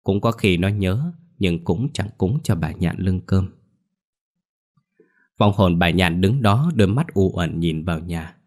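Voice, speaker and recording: A man narrating a scripted horror story in a steady, grave way. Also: deep voice, measured pace.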